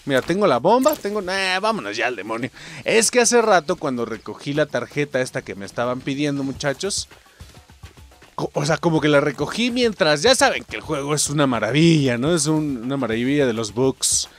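A young man with a Mexican accent commentates his own gameplay for his channel, excitable and full of slang and swearing. His voice is somewhat high and swings widely in pitch as he talks straight to his viewers. Faint music plays beneath him. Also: fairly quick. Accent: Mexican Spanish. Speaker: gaming channel host.

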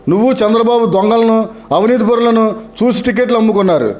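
A man's voice: very high-pitched, steady tone, fast, a little mellow. A man narrating scripted political commentary in a sarcastic, mocking tone, repeating taunts.

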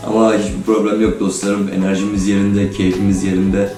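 Making breakfast in the kitchen of a holiday home, a young man with a cold chats to his viewers, repeatedly calling them "friends." His voice is fairly low, fairly quick, and flat and robotic. It's recorded on a distant camera mic on a tripod a few steps off, sounding roomy, with faint music.

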